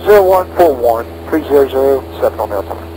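A private pilot speaks fast and expressively through his aviation headset, switching between radio calls and running himself through checks in clipped procedural phrases. His pitch is middling, and the small propeller plane's intercom carries a faint engine drone amid a noisy background.

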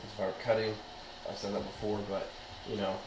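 A man's voice: lowish voice, level tone, fairly quick. A young adult man chatting informally and slangily to camera as a fitness vlogger. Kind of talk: casual vlog chat to camera. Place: home kitchens and a gym, indoors. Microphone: action camera at a short distance. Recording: roomy echo, clear background noise.

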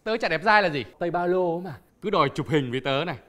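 A man's voice: on the high side, animated, quick pace, fairly bright tone. A man playing a cheeky, scheming street vendor who brags and chuckles in a TV comedy. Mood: boastful. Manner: boastful, chuckling.

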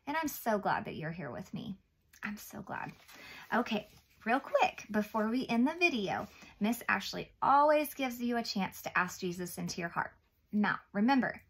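Higher-voiced woman, talking as if to toddlers. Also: fairly bright tone, slightly rough. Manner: simple, encouraging child-directed talk, as if reading to a toddler. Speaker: host of children's Bible readings. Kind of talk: Bible lesson read and explained to young children. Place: small indoor room, seated at a table.

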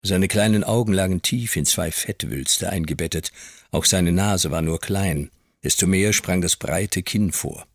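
A man narrating a classic novel in the first person as an audiobook reader, calm and measured. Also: sits low, gravelly, dry recording, studio quality. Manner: calm storytelling.

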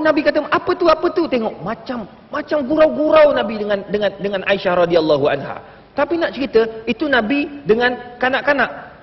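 A man in his late thirties speaking as a panelist on a religious forum, telling stories with animation and addressing the audience. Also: extremely high pitch. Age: late 30s. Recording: dull, echoey hall broadcast sound.

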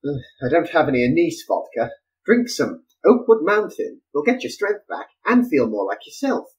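An actor playing a frantic, eccentric inventor who exclaims and pleads in a flustered way. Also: male voice, on the high side, wildly swooping pitch, moderate pace, low-quality recording. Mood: placating.

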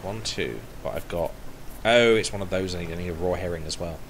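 A man in his thirties streams casual gameplay, chatting away to himself through a headset mic. His voice sits low and moves fairly quickly, while game music and a slight hiss or hum run underneath.

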